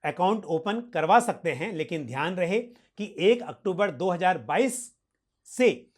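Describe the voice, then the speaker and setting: A man's voice: high voice, animated, unhurried. Man explaining finance in a formal way. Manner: formal, polite address; mixes in English financial terms. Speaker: host answering viewer questions. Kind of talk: explanatory financial question-and-answer.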